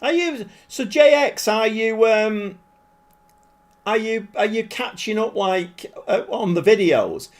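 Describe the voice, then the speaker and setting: Chatting casually with his audience, a high-pitched man streams himself playing a football management game live. He pokes fun at himself and gets excited easily.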